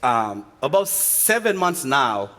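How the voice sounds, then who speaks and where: Man from Chad, guest preacher, earnest measured sermon, halting restarts, mid-pitched voice, long church reverb. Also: sing-song, sharp tone. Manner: earnest, measured delivery with frequent restarts and fillers. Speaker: guest preacher from a refugee agency. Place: church sanctuary.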